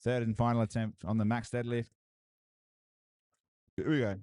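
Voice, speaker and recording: A man gives live, energetic commentary at a strongman competition, cheering each lift and chatting to the stream's viewers. His voice sits at an ordinary pitch and sounds dry and close, with little room around it. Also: moderate pace, dry recording. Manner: excitable hype, repeated cheers and laughs. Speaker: livestream commentator.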